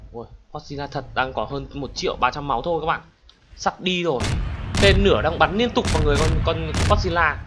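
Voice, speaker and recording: Over the battle noise of a monster-fighting video game, with explosions and gunfire in the background, a young man hosts his gaming channel. His voice sits a little high, and he stays excitable throughout, exclaiming and talking to viewers nonstop.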